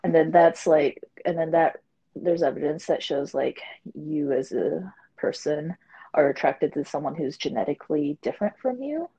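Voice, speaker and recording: Low gravelly woman in her twenties, rambling casual podcast talk. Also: lively intonation, moderate pace, warm tone, rough recording. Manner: rambling, filler-heavy, frequent laughter. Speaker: podcast co-host. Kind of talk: casual chat.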